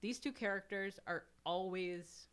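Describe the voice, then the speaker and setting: A woman's voice: mid-range voice, a little slow, a bit bright, clear, resonant tone. A woman co-hosting a podcast, giving blunt, laid-back opinions about a book in casual chat. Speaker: podcast co-host.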